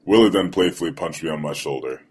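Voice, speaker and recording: A young man narrating his own story in a dry, deadpan and wry manner. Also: rumbling low, fast, a little hiss or hum. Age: young adult. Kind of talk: scripted first-person narration. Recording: guitar music under the voice.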